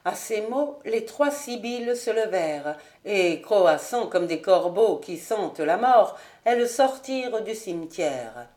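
Woman, audiobook narrator, steady and even, mid pitch. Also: a little slow, few pauses, reverberant. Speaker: audiobook reader.

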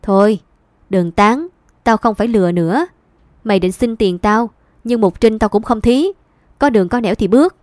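A woman's voice: medium pitch, moderate pace, a little mellow, dry recording, natural voice. A woman narrator puts on a hard, bitter older mother who scolds her son without mercy. The voice is harsh and raised, and every line lands as a rebuke. The sound is dry and close. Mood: furious.

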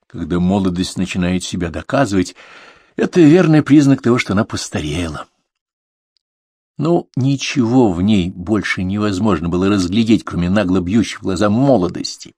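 Male narrator, low husky voice, lively and expressive delivery, dry close sound. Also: moderate pace, no room sound. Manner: intimate, addressing his son. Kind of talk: audiobook reading of a confessional novel.

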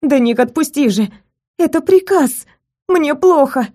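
A woman voicing a young heroine who cries out high, in pleas and protests. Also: expressive, measured pace, mellow. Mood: pleading. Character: young woman heroine, pleading then indignant.

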